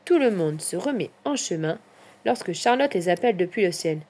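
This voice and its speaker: A woman narrating a children's Christmas story in an expressive storyteller's manner. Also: on the low side, moderate pace. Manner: expressive, lilting.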